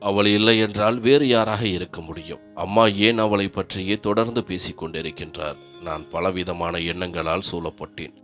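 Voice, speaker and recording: A man narrating a first-person story in a grave, steady manner. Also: low voice, moderate pace. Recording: dull lo-fi narration with faint music.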